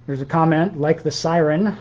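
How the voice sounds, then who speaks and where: A man with a measured, deliberate delivery that leaves pauses, speaking as a poet sharing his own work in an informal setting. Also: a little high, a little mellow, dull audio. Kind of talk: slow poetry reading with informal spoken commentary.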